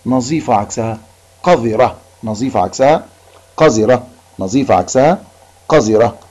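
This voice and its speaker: A man with an Egyptian accent teaching an Arabic lesson, reading a passage and explaining it in colloquial speech, repeating each point slowly. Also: medium pitch, a little mellow. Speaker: primary school Arabic teacher. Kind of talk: recorded classroom lesson. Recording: dull lo-fi recording.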